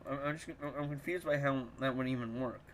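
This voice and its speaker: A man's voice: mid-range voice, a little fast, a little hiss or hum. A young man giving casual, joking commentary to his chat while he plays a video game. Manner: excitable, joking, talks to chat. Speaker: streamer.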